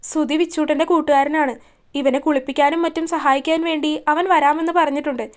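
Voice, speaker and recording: A talkative, blunt old grandmother chats in a matter-of-fact way, read by a woman storyteller. The voice is high. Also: steady tone, a little fast, lightly acted. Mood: chatty.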